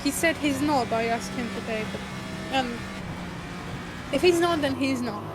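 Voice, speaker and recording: A woman's voice: high-pitched, normal speed, very noisy. A woman chatting playfully in a racing team's voice call, breaking into silly sing-song chants. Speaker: sim racing team member in voice chat. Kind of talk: casual team chat. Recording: loud music in the background.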